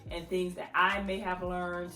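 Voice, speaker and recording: A woman in her thirties hosts her own channel, giving casual advice to the camera in a chatty, playful way and laughing often. Her voice is fairly low, flat and a little slow, in an echoey room with faint music.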